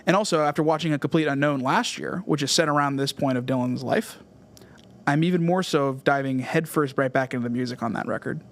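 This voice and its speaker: A man from Southern California, USA, with a medium-pitched voice talks fairly quickly. He hosts a solo music podcast in an earnest, scripted essay style.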